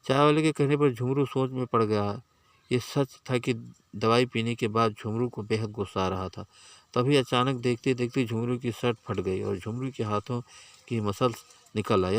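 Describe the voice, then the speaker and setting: A man narrating a village story in a steady, plain reading voice. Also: mid-range voice, normal speed, no room sound.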